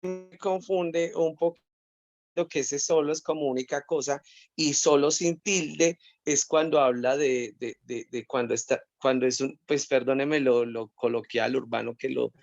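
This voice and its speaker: A man's voice: medium pitch, steady tone, unhurried, gravelly, no room sound. A man with a Colombian accent, a course participant, asks hesitantly about a spelling rule, repeating words and apologizing. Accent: Colombian Spanish. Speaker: course participant asking a question. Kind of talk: hesitant question on a video call. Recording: dry, dull video-call audio.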